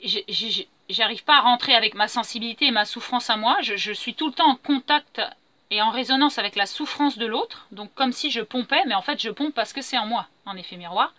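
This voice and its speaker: Earnest middle-aged woman vlogging, bright higher voice, dry close sound, keeps repeating herself. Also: brisk, no echo. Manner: earnest, repetitive, self-affirming. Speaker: vlogger sharing personal growth. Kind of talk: spontaneous spiritual monologue.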